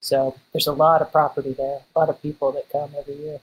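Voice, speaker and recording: A man's voice: on the high side, flat delivery, fast talker, husky, low-quality recording. A man from Kansas City, a guest in a casual conversation, easygoing and dry in his humor. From Kansas City, United States.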